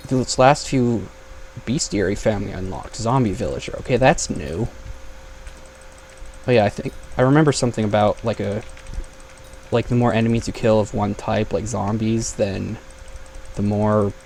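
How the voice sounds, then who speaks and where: Casting note: young male gamer, gravelly edge, chatty and thinking aloud, faint hiss behind. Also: fairly low pitch, moderate pace, darkish tone. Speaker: gaming YouTuber. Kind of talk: casual gameplay commentary.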